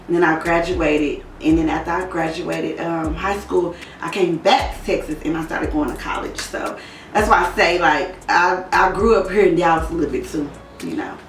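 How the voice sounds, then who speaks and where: A woman's voice: lowish voice, steady tone, moderate pace, recorded from a distance, slight background noise. A young woman from Oklahoma, telling her past as an interview guest in a candid, casual way, blunt and frank with plenty of swearing. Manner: blunt and profane, frank about hard past. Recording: roomy echo, voice off-mic, faint music behind.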